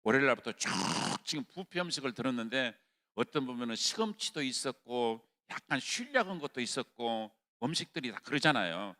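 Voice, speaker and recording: A man preaching a revival sermon as a pastor. He swings from hushed storytelling to shouted exhortation. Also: mid-range voice, lively intonation, a little fast. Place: prayer retreat hall.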